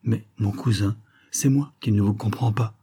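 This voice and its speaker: A man's voice: fairly low pitch, steady tone, normal speed, mellow, slightly rough. A man reading the lines of an anxious young woman who speaks in an urgent, bewildered way.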